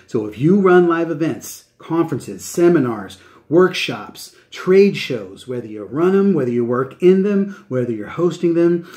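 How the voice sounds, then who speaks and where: A man with a slightly high voice presents to his viewers as a channel host. He is open, friendly and welcoming, pitching with upbeat enthusiasm. He leans on key words and checks in often with little tag questions. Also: a little mellow. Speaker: channel host, live event specialist.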